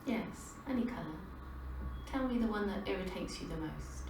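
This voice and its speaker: An actress playing a detached research interviewer who questions a test subject in a formal, measured way. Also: female voice, mid-range voice, lively intonation, lightly acted. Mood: clinical. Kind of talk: scripted clinical interview. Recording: roomy, distant mic, faint noise.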